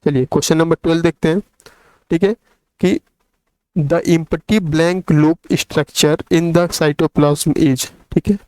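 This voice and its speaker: A male science teacher who reads each quiz question slowly and keeps checking in with "theek hai". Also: on the high side, darkish tone, smooth, dry recording, rough recording. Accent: Hindi. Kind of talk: explaining quiz questions in a class video.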